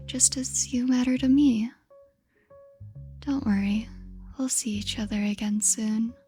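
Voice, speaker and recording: Female actor as loving, wistful girlfriend; ASMR role-play, intimate and gentle, higher-pitched, light music underneath. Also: close to an everyday voice. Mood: gentle, sleepy tenderness. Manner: soft, tender, intimate, giggly. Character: affectionate, lonely young girlfriend on a late-night call.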